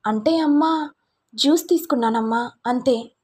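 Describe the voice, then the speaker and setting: A woman's voice: high voice, normal speed, darkish tone, husky. A woman voicing a timid, trusting young daughter who answers hesitantly and pleadingly, in a storytelling recap. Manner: hesitant, pleading, ends lines with "amma".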